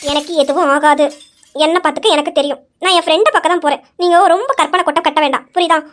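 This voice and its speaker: A defiant young wife, played by a woman in a homemade audio drama, scolding and insistent. She speaks with a very high, rapid voice. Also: a bit bright.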